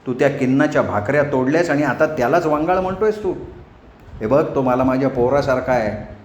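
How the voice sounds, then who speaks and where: A man's voice: mid-range voice, lightly acted. A man voicing a stern, commanding old village grandmother in a storybook reading, recorded in an echoey room. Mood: scolding. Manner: brisk scolding, commanding. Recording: echoey room, faint noise.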